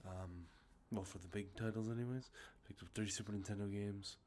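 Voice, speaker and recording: Sniffly and congested from allergies, an ASMR channel host gives a soft-spoken show-and-tell of his collected video games, rambling, self-correcting and full of ums and uhs. His very low voice is steady and fairly quick. Outdoors near traffic, the clip has faint background noise.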